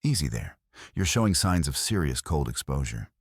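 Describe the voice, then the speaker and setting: A man voicing a steady, protective warrior who gives calm, matter-of-fact instructions in a storybook reading. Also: very deep voice, moderate pace, slightly rough, dry recording, studio quality, full character voice. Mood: firm.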